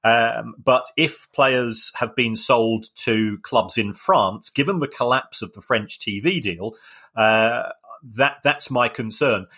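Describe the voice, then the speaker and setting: A man co-hosting a podcast, explaining football finance in a measured way with many fillers and restarts. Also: medium pitch, pushed and bright, slightly rough. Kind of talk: casual podcast chat.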